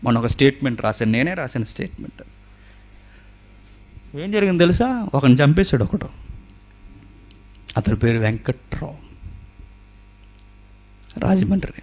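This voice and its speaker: A man preaching a sermon. He fires rhetorical questions at his listeners and swings between loud exclamations and quiet storytelling. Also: medium pitch, big pitch swings, normal speed, long pauses.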